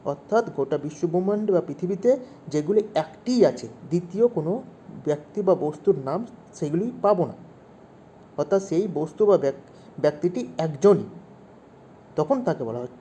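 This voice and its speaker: A man's voice: fairly high pitch, animated, normal speed, long pauses, mellow, slight background noise. A man teaching English grammar to young pupils, asking questions and repeating the main points. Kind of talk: explaining grammar to children.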